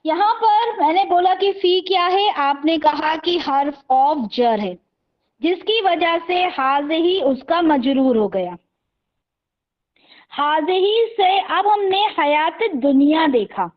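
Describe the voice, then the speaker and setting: A woman teaching an Arabic grammar class over a video call, patiently quizzing her students and slowly repeating terms. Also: very high voice, lively intonation, lo-fi sound. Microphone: video call microphone.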